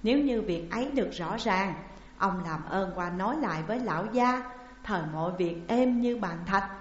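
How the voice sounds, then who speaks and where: A woman voicing a loyal old nursemaid who explains a plan in a steady, reassuring way. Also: medium pitch, moderate pace, close to an everyday voice. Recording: dull, echoey recording with long reverb.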